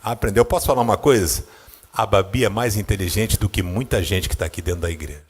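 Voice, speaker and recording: A man preaching in a church with a Brazilian Portuguese accent, telling a personal story, acting out the scenes and swinging from a low murmur to high, excited bursts. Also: fast, slightly rough. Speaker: pastor.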